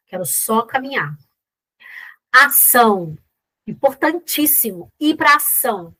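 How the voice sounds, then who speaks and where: A woman's voice: on the high side, a bit bright, rough recording. A Brazilian woman teaching an informal class, speaking conversationally and encouragingly straight to her listeners. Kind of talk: informal spoken lesson.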